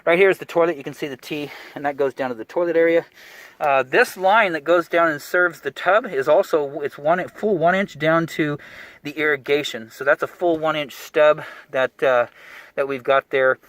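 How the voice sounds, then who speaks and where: A man's voice: a little high, fairly bright tone, no room sound. A man, a plumbing contractor, giving a casual, rambling job-site walkthrough in a cramped attic, out of breath behind a mask. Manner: quick, rambling, with fillers and restarts.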